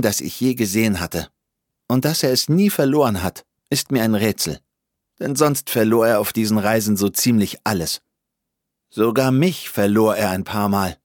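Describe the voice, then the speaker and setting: A man reading a first-person story aloud in a calm, dry, wry storytelling manner. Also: fairly low pitch, no echo. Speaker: narrator.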